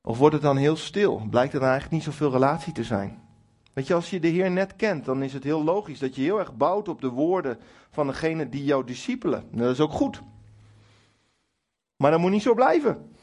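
Man, middle-aged, sermon, husky, emphatic, direct address to congregation. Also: a little high, a little fast. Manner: lively, emphatic preaching with acted quotes to God; addresses listeners directly, with humour about his marriage. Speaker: preacher. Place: church hall before a congregation.

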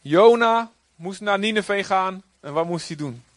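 Man, sermon, animated delivery, slightly high pitch, dry sound. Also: a little slow, no room sound. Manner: lively, acts out quoted prophets in raised voice. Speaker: preacher.

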